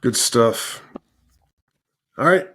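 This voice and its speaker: A man's voice: mid-range voice, lively intonation, drawn-out words, pushed and bright, slightly rough. A man hosting a podcast interview, steering it with short, encouraging remarks. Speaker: podcast host. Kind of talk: casual interview.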